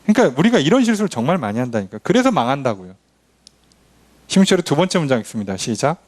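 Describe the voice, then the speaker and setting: A man's voice: on the high side, sing-song, fast talker. A man, a pastor, teaching a midweek Bible study in a conversational way, often asking the congregation questions and acting out quoted lines. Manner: frequent affirming fillers and questions to the congregation.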